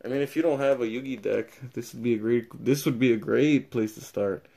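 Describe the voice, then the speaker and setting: Here a young card collector unboxes a product on camera, musing aloud in a loose, rambling way as he tears into packs. His mid-range voice is brisk, creaky and dark. Because the camera mic catches him from an awkward angle, his volume dips and returns as he shifts around.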